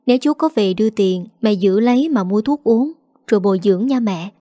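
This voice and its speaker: A woman voicing a gentle, caring young wife who speaks softly and reassuringly in a story. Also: mid-range voice, animated, a little fast, no room sound, clean studio sound, lightly acted. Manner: soft, reassuring.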